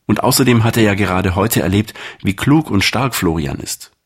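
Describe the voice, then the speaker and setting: A man reading a children's storybook aloud in a calm and tender way. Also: fairly low pitch, normal speed, husky.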